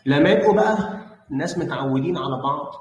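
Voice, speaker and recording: A man's voice: on the high side, lively intonation, quick pace, a little mellow, lo-fi sound. A man with an Egyptian Arabic accent teaching a German lesson, patiently correcting pronunciation by repeating the words. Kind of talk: online language lesson. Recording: roomy with faint background noise.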